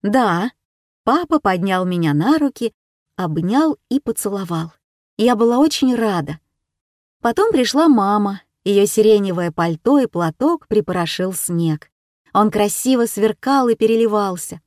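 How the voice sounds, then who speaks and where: Woman reading a kids' story aloud, middle pitch, dry close sound, unhurried. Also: animated, darkish tone, no room sound. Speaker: narrator.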